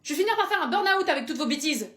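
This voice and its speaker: A woman playing a shrill nagging French mom. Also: animated, very fast, echoey room, noisy background. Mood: fed up. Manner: scolding, nagging, loud and shrill. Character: exasperated shouting French mother of teenagers. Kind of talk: comedy sketch.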